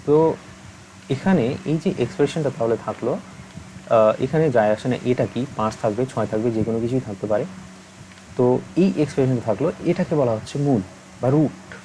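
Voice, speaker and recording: A young man gives a recorded maths lesson in a soft, mellow voice. He explains patiently and keeps asking whether the listener has understood. A faint noise runs under the recording. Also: mid-range voice, brisk, long pauses, low-quality recording. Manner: patient, asks many check-in questions. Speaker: maths teacher.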